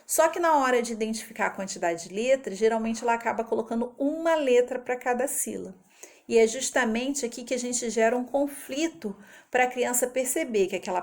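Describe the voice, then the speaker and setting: A woman teaching a literacy lesson, breaking words into syllables and letters slowly and carefully. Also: fairly high pitch. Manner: slow, careful syllable-by-syllable explanation.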